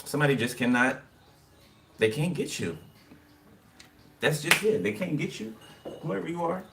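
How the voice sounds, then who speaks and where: A man's voice: a little high, lively intonation, moderate pace, creaky, a bit bright. A man giving a casual tarot reading, rambling and repeating "okay" and "you know" as he talks to his viewers. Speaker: tarot card reader. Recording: distant mic with background noise. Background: birds chirping.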